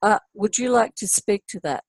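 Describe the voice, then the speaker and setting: A woman's voice: medium pitch, animated, moderate pace, no room sound, rough recording. A woman hosting a panel interview, asking questions in a polite, inquiring way. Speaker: host.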